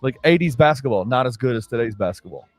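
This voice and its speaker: A man's voice: medium pitch, expressive. A man in his forties co-hosting a casual podcast, ranting in a dry, contrarian way. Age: 40s. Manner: dry and contrarian, with deliberate rants. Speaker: podcast co-host. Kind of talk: casual sports and pop culture chat.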